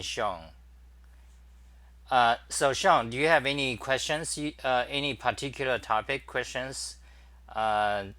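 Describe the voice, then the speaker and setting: A man hosting a casual livestream, demonstrating his computer workflow and greeting viewers, talking haltingly with many fillers and restarts. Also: medium pitch, pushed and bright, no echo. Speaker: talk show host. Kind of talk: casual screen-share livestream.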